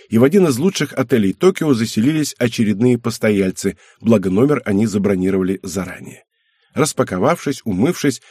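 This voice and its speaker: A man narrates an audiobook in a steady, measured way. His voice is husky and sits at a middle pitch, recorded dry and close. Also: no echo. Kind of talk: scripted narration.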